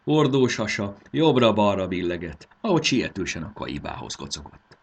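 Husky, lively male storybook narrator. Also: sits low. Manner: lively, expressive reading.

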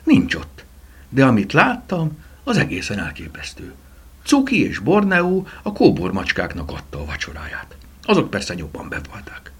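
A nosy, excitable old woman who fancies herself a detective, as a husky-voiced male narrator puts her on, her voice jumping up high and bouncing around as she marvels and gossips. She comes from a read-aloud storybook, breathy and eager. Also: full character voice. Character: curious elderly woman, amateur sleuth.

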